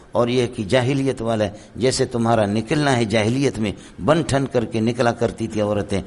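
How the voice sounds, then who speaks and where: Hoarse guy lecturing on quran commentary, tells stories, keeps asking if you got it, normal pitch. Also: a little mellow. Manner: storytelling, often checks listeners with "understood?". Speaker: Quran teacher. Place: madrasa lecture hall.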